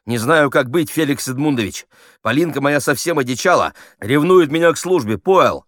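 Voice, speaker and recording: A man's voice: sits low, big pitch swings, moderate pace, dry recording, clean studio sound. A man reading aloud, voicing a coarse convict who gabbles and swallows his words. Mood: gabbling. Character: coarse, slangy male prisoner actor.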